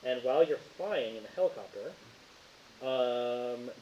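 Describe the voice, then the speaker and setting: A man's voice: mid-range voice, animated, measured pace, warm tone. A man narrating as game master of a tabletop game, rambling with many fillers. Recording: echoey, muffled, faint hiss.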